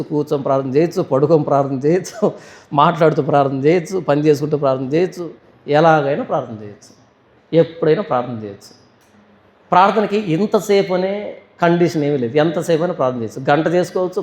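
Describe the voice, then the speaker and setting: A male pastor teaching a Bible study, reading verses slowly and posing questions he answers himself. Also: on the high side, darkish tone. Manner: asks and answers his own questions, reads verses slowly. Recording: echoey hall.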